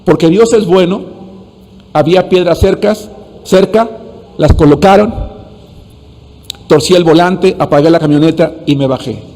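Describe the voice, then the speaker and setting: High-voiced pastor preaching. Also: male voice, unhurried, long pauses, mellow. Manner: storytelling, addresses listeners often, repeats words when searching. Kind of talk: sermon. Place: church sanctuary. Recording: long hall reverb.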